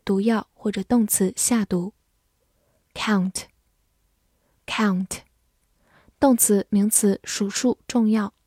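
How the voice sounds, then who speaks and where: A woman narrating a scripted vocabulary lesson, saying each English word twice and then defining it slowly. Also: medium pitch, mellow, no room sound, clean studio sound.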